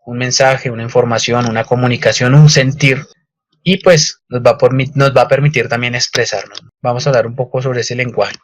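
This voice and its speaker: His medium-pitched voice stays steady in tone and runs a little fast as he teaches grammar over slides online. The man has a Colombian Spanish accent and explains patiently, repeating words frequently and dropping in fillers.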